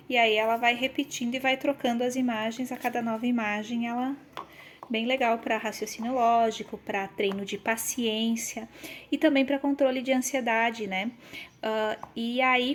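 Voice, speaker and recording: A Brazilian woman explaining and demonstrating learning materials for young children, filmed on a handheld phone, often tagging her sentences with questions and counting aloud slowly. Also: fairly high pitch. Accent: Brazilian Portuguese. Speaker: educator showing teaching materials. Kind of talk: casual demonstration of classroom materials. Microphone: handheld phone camera, filming one-handed.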